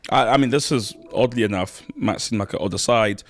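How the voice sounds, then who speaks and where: A man hosting a casual podcast, talking in an animated way and laughing often, sometimes while eating. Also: on the low side, fairly quick. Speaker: podcast host.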